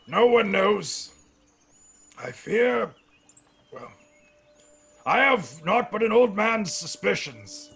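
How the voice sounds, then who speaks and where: A man voicing a grumpy, bitter old nature priest in a tabletop game, with a creaky, raspy, slow and solemn delivery. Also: sits high, a bit bright, exaggerated voice. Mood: brooding. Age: older. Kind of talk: tabletop role-play acting.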